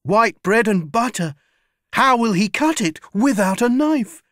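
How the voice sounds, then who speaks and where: A woman reciting nursery rhymes in an expressive storytelling manner. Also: fairly high pitch, unhurried, no echo, studio quality. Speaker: rhyme reader.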